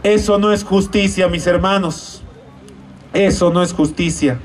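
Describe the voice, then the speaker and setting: High-voiced preacher man, distant mic. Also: fairly even intonation, a little slow, a little hiss or hum. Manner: rhetorical questions to the congregation; repeatedly addresses listeners as brothers and sisters. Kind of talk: evangelistic sermon. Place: church evangelistic campaign.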